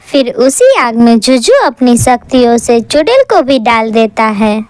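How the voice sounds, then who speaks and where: A woman narrating a cartoon horror story in a lively, scripted storytelling manner. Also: fairly high pitch, measured pace, clear, resonant tone, dry recording.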